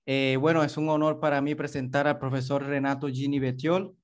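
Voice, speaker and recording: A man's voice: medium pitch, level tone, moderate pace. A man in his thirties gives a formal introduction as session host, speaking over a video call from indoors.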